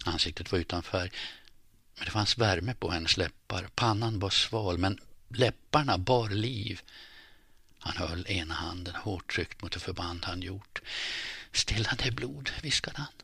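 A man reads a story in a deep, husky voice with a forceful edge. His delivery is measured and often sinks into hushed, near-whispered tones. The sound is dry and close. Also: no echo. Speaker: audiobook narrator. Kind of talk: scripted narration.

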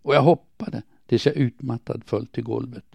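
A man reading a first-person diary aloud in a quiet, measured, somber way. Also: mid-range voice, steady tone, vocal fry, slightly rough, no echo. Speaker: audiobook narrator.

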